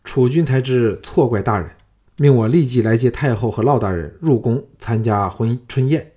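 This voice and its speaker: Man voicing a calm confident young general. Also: mid-range voice, normal speed, natural voice. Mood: easy. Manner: composed, persuasive.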